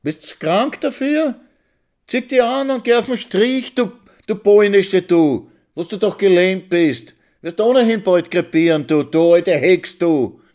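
A man voicing a sharp-tongued young prostitute with a shrill, melodious little voice. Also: a little slow. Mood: screeching. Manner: screeching.

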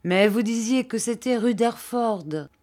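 A woman reading aloud, voicing an eager young fisherman who cheers and laughs in a raised, excited voice. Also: a little slow. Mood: enthusiastic. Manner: enthusiastic, high and cheering.

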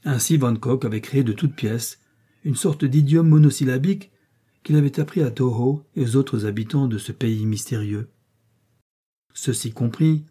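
An audiobook narrator reads an adventure novel aloud with measured, expressive delivery. His voice is very dark and noticeably husky, with a pitch that is middling for a man.

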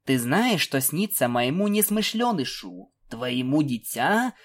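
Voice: mid-range voice, big pitch swings, a little slow. A narrator voicing a fussy, anxious pony princess who is a young mother, in a pleading tone. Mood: pouty. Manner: pleading, fretful. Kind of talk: fan audiobook voicing.

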